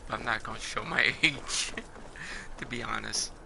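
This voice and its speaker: A man doing a casual let's play, rambling as he goes. His voice is mid-pitched with a lot of creak, and there is clear noise from the game and room behind him. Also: fairly even intonation, normal speed. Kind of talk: casual gameplay commentary, rambling chat.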